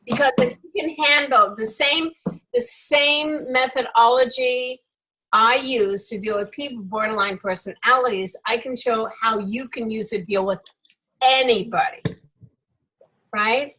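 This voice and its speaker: Bright, husky, higher-voiced woman coaching speakers. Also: unhurried, low-quality recording. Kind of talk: group coaching feedback on a video call. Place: online group video call.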